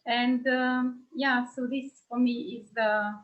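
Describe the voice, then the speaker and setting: Earnest woman trainer reflecting slowly; a bit high, dull video-call sound. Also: little pitch movement. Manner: earnest, thoughtful. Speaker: nonviolent communication trainer. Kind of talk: personal reflection in a group call.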